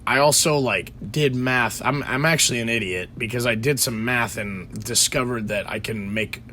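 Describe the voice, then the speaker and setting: A man co-hosts a podcast from his home basement, speaking at medium pitch and normal speed with a sharp tone. A little hiss or hum runs underneath as he casually tells a wandering story with many restarts and fillers.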